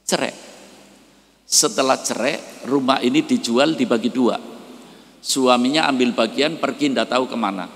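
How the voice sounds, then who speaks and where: A male preacher tells a story as a sermon, his voice at a middle pitch. He leaps into high, loud voices when he plays the people in his story. The sound rings with a long reverb from a prayer hall. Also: normal speed, long pauses. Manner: animated, acts out quoted voices in a high pitch.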